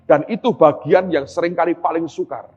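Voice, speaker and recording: A man's voice: a little high, normal speed, slightly rough. A middle-aged man preaching a sermon, telling stories and acting out conversations while addressing the congregation directly. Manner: animated storytelling, acts out dialogue, addresses audience as "saudara". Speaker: pastor. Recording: dull sound in a reverberant hall.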